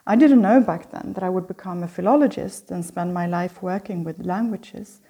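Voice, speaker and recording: A middle-aged woman from Sweden giving a prepared opening lecture as host of a lecture series, in a measured, reflective reading. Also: fairly low pitch, dark tone, husky.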